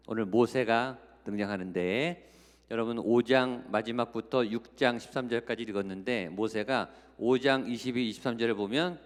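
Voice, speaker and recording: A man preaching a Korean sermon as a guest revival speaker, exhorting the congregation with rhetorical questions and acting out quoted voices. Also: medium pitch. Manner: acts out quoted voices in the telling. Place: large church sanctuary. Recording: long hall reverb of a church sanctuary.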